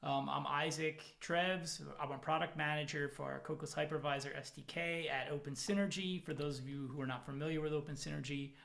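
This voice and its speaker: Speaking quickly with few pauses, a man on a video call from home in the evening gives a technical conference talk as a product manager. His creaky voice sits on the high side, and he's laid-back and self-mocking, using lots of fillers.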